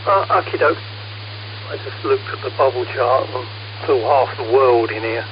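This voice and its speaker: A man chats in short, easygoing replies during an amateur radio contact. His voice comes through a fading, far-off shortwave signal. It is muffled and sits under steady hiss. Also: medium pitch, normal speed. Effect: fading, distant shortwave radio signal. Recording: noisy, muffled radio receiver.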